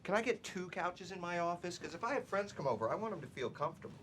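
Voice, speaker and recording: A man's voice: sits high, lively intonation, a bit bright, a little hiss or hum. An actor playing a smug male office climber bragging about his new job. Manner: smug, quick. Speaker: office executive.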